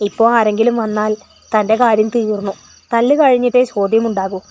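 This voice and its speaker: A woman's voice: mid-range voice, steady tone, fairly quick, darkish tone, close to an everyday voice. Woman reading as a jumpy scared young guy, begging, dull recording. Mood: flustered. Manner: stammering, pleading. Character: nervous young man, timid and flustered.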